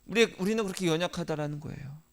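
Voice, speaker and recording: A male pastor preaches a Sunday sermon, putting rhetorical questions to the congregation and shifting between soft, quiet lines and emphatic ones. His voice is on the high side, rapid-fire, with vocal fry.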